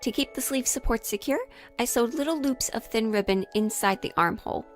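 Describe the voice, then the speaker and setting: With soft music playing underneath, a woman with a fairly high voice talks quickly and informally as she demonstrates a sewing project. She's a vlogger, chatty and given to mild cursing, narrating partly in voice-over.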